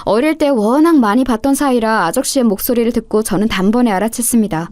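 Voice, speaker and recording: A woman tells a first-person audiobook story in a confiding tone and turns now and then to speak straight to the listeners. Her voice is fairly high, and the read is close and dry, with no room echo. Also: quick pace, darkish tone. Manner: confiding, addresses listeners directly. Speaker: narrator.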